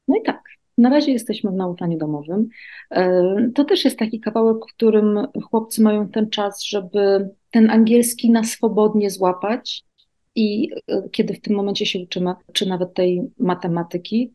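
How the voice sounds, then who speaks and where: A woman's voice: mid-range voice, mellow. A woman in her forties from Poland, answering interview questions in a chatty way with many fillers. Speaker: interview guest, emigrant mother.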